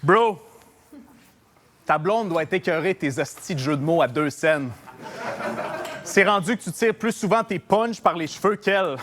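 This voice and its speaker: A man's voice: high-pitched, animated, moderate pace, pauses often, fairly bright tone. A man with a Québécois French accent battle rapping a cappella, with a mocking, sarcastic delivery. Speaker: battle rapper. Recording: noisy live battle recording.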